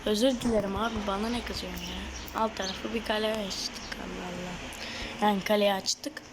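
A woman giving live gameplay commentary on her gaming channel, excitable, shouting at opponents and then dropping to a murmured whisper. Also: mid-range voice, moderate pace, heavy background noise.

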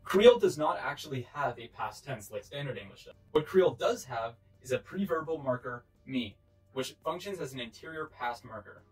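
A man's voice: medium pitch, expressive, normal speed, faint music behind, low-quality recording. A man in his twenties giving a formal, explanatory scripted educational narration. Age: 20s. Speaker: presenter.

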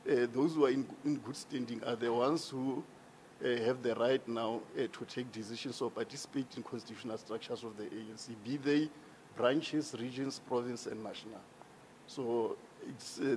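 A man's voice: mid-range voice, darkish tone, a little hiss or hum. A man with a South African accent, a regional party executive, explaining procedure formally into a handheld mic in a large hall. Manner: formal, explanatory, rising emphasis. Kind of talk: town hall debate answer. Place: large indoor hall with seated audience. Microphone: handheld microphone.

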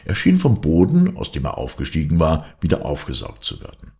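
Deep gravelly male audiobook narrator. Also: brisk. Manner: lively storytelling, voicing each character's quoted lines. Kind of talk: scripted narration of a classic novel.

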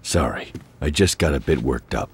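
An actor playing a hot-tempered mafia boss locked up in prison, with a husky voice. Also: male voice, a bass voice, a little slow, noisy background, exaggerated voice. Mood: calmed. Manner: explosive then grudgingly calm. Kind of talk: video game voice acting.

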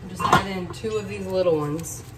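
The mic sits at a distance, so room noise is clear as this woman, a cooking vlogger, talks viewers through a tutorial from a hotel room. Her voice is on the low side, delivered at a normal speed, step by step.

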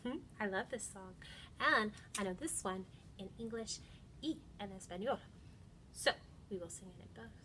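Singing and reading aloud to little kids, this thirtysomething storytime host sounds bright and forceful at a normal speed, her voice mid-range. She's encouraging and speaks directly to the children in an indoor room by large windows, captured on a camera mic with a little hiss or hum.

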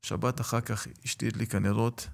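A man's voice: lowish voice, gravelly. A middle-aged man, a rabbi and lecturer, telling stories in an interview and acting out the people in them. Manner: animated storyteller, acts out quoted voices. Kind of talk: storytelling in an interview.

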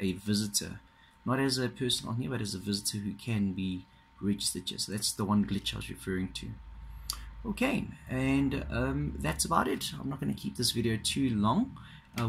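A man giving a casual, halting walkthrough of a computer system, filmed with a phone pointed at the monitor. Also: lowish voice, creaky, fairly bright tone, slight background noise. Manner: casual, halting, many fillers and restarts. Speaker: software trainer. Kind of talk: screen-recorded software walkthrough. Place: indoors at a desk. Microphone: phone filming a monitor.

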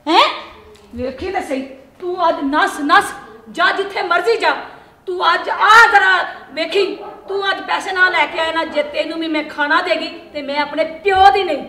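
A woman playing a sharp-tongued wife who nags her husband, speaking with a Pothwari Punjabi accent. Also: sits high, expressive, quick pace. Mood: scolding. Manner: scolding, nagging. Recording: echoey room, light noise.

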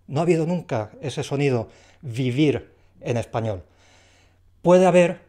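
A man's voice: mid-range voice, a little mellow. Patient man explaining spelling. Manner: clear, patient explaining with rhetorical questions. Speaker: language teacher. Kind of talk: explaining a dictation lesson.

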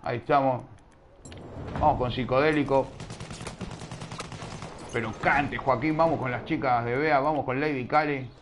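Casual: argentine guy streaming, casting a shooter match, chatty and teasing, middle-pitched voice with faint gunfire behind. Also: steady tone, unhurried, pauses often, a little hiss or hum. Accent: Rioplatense Spanish. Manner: chatty, teasing, scolds chat playfully. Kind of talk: live game commentary.

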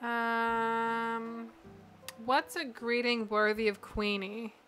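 Bright-voiced sarcastic woman streamer. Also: on the high side, little pitch movement, drawn-out words, soft background music. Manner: incredulous, sarcastic, reads website text aloud with dry asides. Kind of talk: casual gameplay commentary.

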